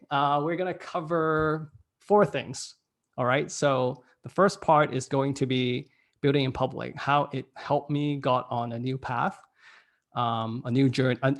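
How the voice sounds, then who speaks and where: Guy from hong kong teaching a workshop from home, gravelly voice, laughs a lot. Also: medium pitch. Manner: casual, self-deprecating, laughs often. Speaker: workshop speaker. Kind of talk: online workshop presentation. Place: home room.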